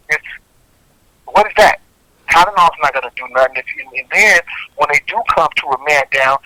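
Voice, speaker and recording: A man's voice: high voice, sharp tone, no echo. A man on death row talking over a prison phone call, rambling and circling back with lots of fillers. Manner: rambling, repeats himself, many fillers. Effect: heard over a prison phone call. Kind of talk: recorded phone testimony. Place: prison cell block.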